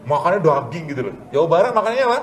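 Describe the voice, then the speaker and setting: A man, a doctor, giving a casual health lecture with a live demonstration, animated and joking, asking rhetorical questions and answering them himself. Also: a little high, racing, a little hiss or hum, rough recording. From Indonesia. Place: event hall with audience.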